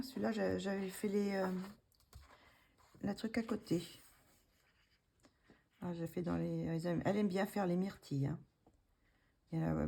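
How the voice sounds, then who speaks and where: A woman casually showing her coloring books, hesitant with many fillers and restarts, gently self-deprecating. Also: on the low side, vocal fry, breathy edge. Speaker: coloring book vlogger.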